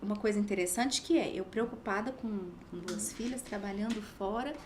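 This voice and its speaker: On a relaxed faith podcast, a thirtysomething woman shares her testimony with animation, whispering whenever she quotes scripture. She talks fairly quickly in a mid-range voice, with some background noise present.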